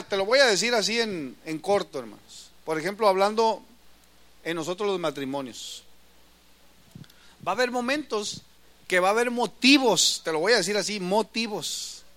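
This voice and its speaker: A male pastor preaching a sermon, swinging from loud emphatic lines to soft asides. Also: sits high, animated, fairly quick.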